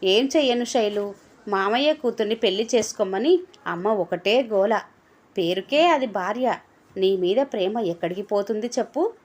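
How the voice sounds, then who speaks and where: A woman's voice: medium pitch, expressive, normal speed, a little mellow, close to an everyday voice. A woman voicing a sleazy young man who blackmails and taunts a former girlfriend, in a leering, mocking tone. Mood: taunting.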